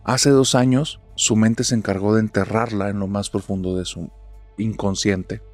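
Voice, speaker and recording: A man narrating a spoken horror story in a dramatic manner, dropping to a hush at tense moments. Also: lowish voice, steady tone, normal speed, dry recording. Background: faint music.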